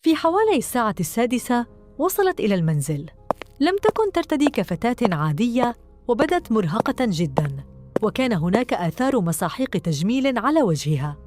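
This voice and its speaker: A woman narrating a first-person story in an expressive storytelling manner. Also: a little high, brisk, soft background music.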